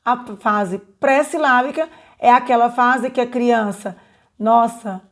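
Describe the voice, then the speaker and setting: A woman teacher giving an online literacy lesson, patient and explanatory, often checking in with her listeners and slowing down to stretch out sounds. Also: a little high. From Brazil. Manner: slows down and stretches sounds when modeling syllables.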